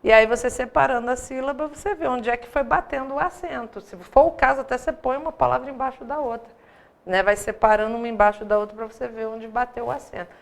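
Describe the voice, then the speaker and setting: A woman's voice: fairly high pitch, fast talker, vocal fry. A woman with a Brazilian accent teaching a live online grammar class, in a conversational manner with many rhetorical questions. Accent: Brazilian Portuguese. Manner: conversational, asks rhetorical "né?" often.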